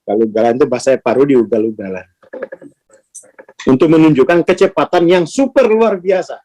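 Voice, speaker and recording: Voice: medium pitch, a little fast, warm tone. A spiritual teacher giving an informal class, talking casually, posing rhetorical questions and acting out quoted speech.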